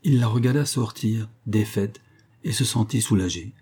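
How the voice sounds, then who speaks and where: A man narrating a literary novel as an audiobook reader, reading in a measured, even way. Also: on the low side, husky.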